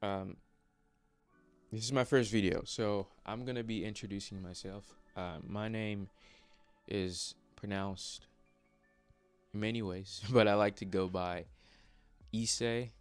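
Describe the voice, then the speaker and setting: In a dry recording with soft background music, a young Congolese vlogger whose first language isn't English takes it slowly, pausing often. His lowish voice is clear and resonant with fairly even intonation, and his motivational talk is earnest but hesitant, with many fillers and restarts.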